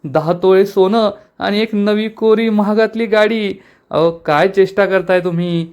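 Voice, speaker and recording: A man's voice: sits high, fairly even intonation, unhurried, darkish tone, clear, resonant tone. A man voicing a scheming young sister-in-law who talks in a wheedling, gossipy way.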